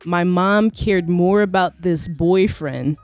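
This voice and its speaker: A woman's voice: lowish voice, slow pace, a little mellow, dry recording, faint music behind. A woman guest on a podcast earnestly retelling a hard childhood story, with many fillers. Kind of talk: personal storytelling in a podcast interview.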